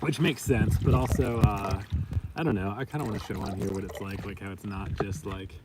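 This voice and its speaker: A trail hiker vlogs from a long-distance trek, rambling casually with plenty of ums and likes. His voice is fairly low and fairly quick, captured by a distant mic amid loud outdoor noise.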